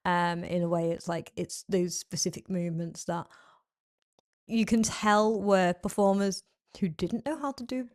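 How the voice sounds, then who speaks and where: A woman's voice: on the low side, fairly even intonation, measured pace. A woman guest on a podcast, chatting casually about burlesque history, laughing often. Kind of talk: casual chat.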